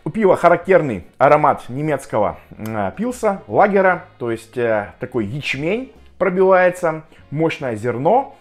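A man giving a casual, chatty and jokey review to viewers, speaking with hesitant pauses as a vlogger. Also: a little high, big pitch swings. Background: music.

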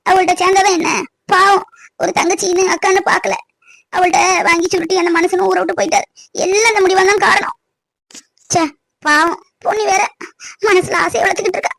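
ஒரு பெண் நடிக்கும் கவலையான கிராமத்து அம்மா. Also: female voice, very high-pitched, fairly even intonation, fast talker, pauses often, a bit bright, dry recording, studio quality. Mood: worried. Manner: pleading, anxious, tearful. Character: worried, tearful village mother, middle-aged. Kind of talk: cartoon voice acting.

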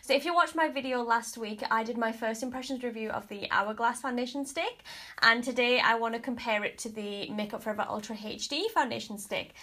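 A thirties Australian beauty vlogger talks on the high side and a little fast, her tone bright and forceful even though she sounds stuffy and congested. Sitting at her indoor bedroom vanity with mirror lights, she chats frankly through a makeup review, often hedging with "kind of" and "like."

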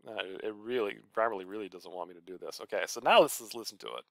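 A college professor and author delivers a software tutorial as a casual screencast, talking informally through each step aloud. His voice is lowish and rapid-fire, with no echo.

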